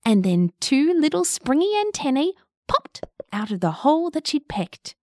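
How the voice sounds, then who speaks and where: A woman narrating a children's story and guiding a mindfulness moment, gentle and expressive with dramatic pauses. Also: sits high, dry recording, clean studio sound.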